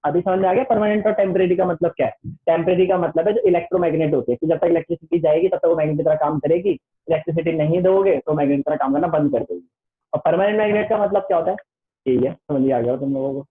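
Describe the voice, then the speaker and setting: A man teaching an online class with a Hindi accent, chatty and repetitive, reading the textbook aloud slowly in English. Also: a little high. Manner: chatty, keeps saying "listen carefully", reads the textbook slowly in English. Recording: tinny phone-like online class audio.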